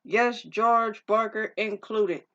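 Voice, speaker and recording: A woman's voice: mid-range voice, steady tone, takes it slowly, fairly bright tone. A woman casually recapping a movie's plot in a rambling, informal way, often restarting her sentences and using slang. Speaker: movie reviewer. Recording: dull lo-fi recording.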